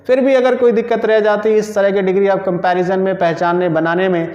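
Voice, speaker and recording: A man's voice: sits high, little pitch movement, moderate pace, a little mellow. Man teaching a lesson in an echoey room. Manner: patient, repeats rules and spells words out letter by letter. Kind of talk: explanatory grammar lesson. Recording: roomy, echoing and dull lo-fi sound.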